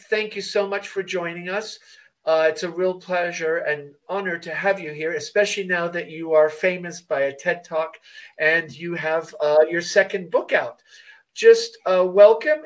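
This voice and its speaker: A man's voice: fairly high pitch, low-quality recording. A man hosting a podcast, chatting casually and rambling a little through his introductions. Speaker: podcast host.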